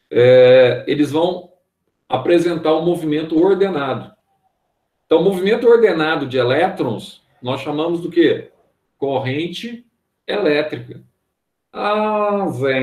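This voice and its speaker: A man's voice: fairly high pitch, darkish tone, reverberant. A man from Brazil giving a chemistry lesson, asking and answering his own questions and checking in with frequent tag questions. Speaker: chemistry teacher. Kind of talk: classroom lecture.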